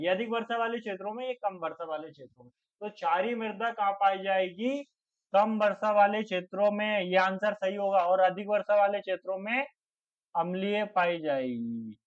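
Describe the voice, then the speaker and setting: A man teaching an exam-prep class, repeating questions and breaking off to joke with and scold his students. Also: high voice. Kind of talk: online exam-prep lecture. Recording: dull lo-fi audio.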